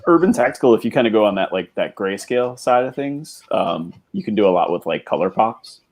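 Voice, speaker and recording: Man, low voice, casual co-host, thinking aloud, lots of fillers. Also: expressive, fairly quick, darkish tone. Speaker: co-host on a model-building stream. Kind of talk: casual livestream chat.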